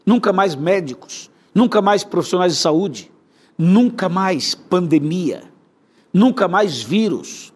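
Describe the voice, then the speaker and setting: A man's voice: high-pitched, breathy edge. A man preaching a sermon with a Brazilian Portuguese accent, fervent and built on repetition.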